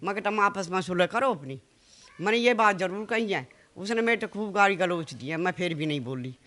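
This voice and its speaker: In a local news interview, a woman with a Haryanvi accent, mother of the man being interviewed, pleads as she retells a family fight. Her medium-pitched voice is expressive and a bit bright, and she speaks fast, quoting many back-and-forth exchanges in this emotional account.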